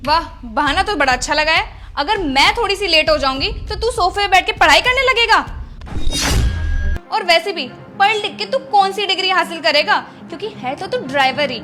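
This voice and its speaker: A woman playing a shrill, scornful rich lady. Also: lively intonation, moderate pace, faint music behind, heavily acted. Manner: shrill scolding, later soft apology. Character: arrogant rich woman scolding her driver. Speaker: actor in a short moral skit. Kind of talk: scripted social skit acting.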